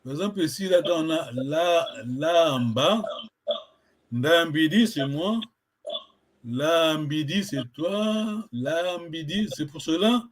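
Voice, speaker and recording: A man gives a language lesson in a slightly raised voice. He talks slowly and patiently. He repeats each word carefully so his student can follow. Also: a little high, lively intonation. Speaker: language teacher.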